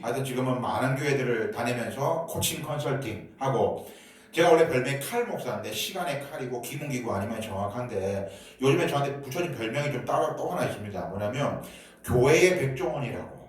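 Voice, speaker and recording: A guest pastor in his fifties from Seoul preaches in a church sanctuary, his medium-pitched, expressive voice moving a little fast. He mixes Gyeongsang dialect into his Seoul speech and keeps the sermon humorous and chatty, joking with the congregation. The recording is very echoey and captured from far off.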